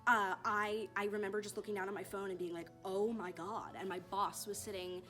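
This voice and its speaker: Young woman, directing student, quick lively storyteller, mid-pitched voice. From California. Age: young adult. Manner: animated, quick, quotes herself. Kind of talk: casual storytelling interview. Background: background music.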